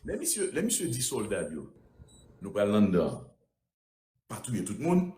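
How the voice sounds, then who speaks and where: A lower-pitched man tells a courtroom story in loose, repetitive casual talk. His pitch swings widely from phrase to phrase. The room rings with echo under a faint background hiss. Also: measured pace. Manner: repetitive, animated retelling.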